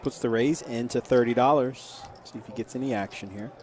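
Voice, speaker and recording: Guy doing live poker stream commentary, low-key, kinda hesitant, short clipped play by play, average pitched voice. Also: a little fast, a little mellow.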